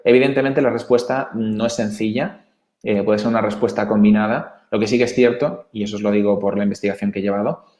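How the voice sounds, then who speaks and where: Man, Spanish accent, earnest lecturer; lowish voice, reverberant room. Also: a little mellow. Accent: Spanish from Spain. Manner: earnest, emphatic, with many restarts and tag questions. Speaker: presenter. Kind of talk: explaining slides to an audience.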